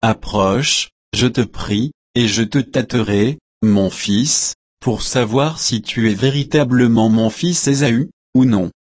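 A man reading the lines of an elderly blind father who blesses his son, slow and solemn. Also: medium pitch, darkish tone, dry recording.

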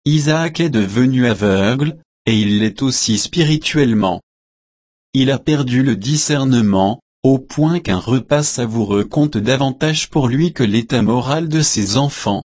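A man reading scripture and then giving devotional commentary in a measured, solemn way. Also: mid-range voice, darkish tone, dry recording. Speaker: Bible reader and commentator.

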